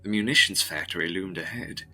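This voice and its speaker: A very low, pushed, bright male voice narrates scripted gothic fiction in a deliberate, solemn, dramatic way. Music is clearly audible behind him.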